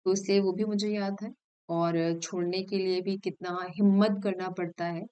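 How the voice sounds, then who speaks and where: A woman in her thirties, an assistant professor, talking straight to her viewers in an advice vlog, earnestly and directly, often pausing to rethink a phrase. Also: mid-range voice, steady tone, dark tone, clean tone, rough recording. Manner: thinks aloud with frequent hesitations and self-corrections.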